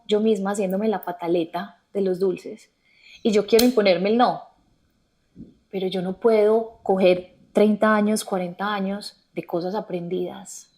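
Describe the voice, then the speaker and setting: A middle-aged woman speaks as a yoga teacher in a podcast interview. She is earnest and reflective, her pitch sitting in a mid range. She likes to act out her own inner dialogue in short quoted bits. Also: a little mellow.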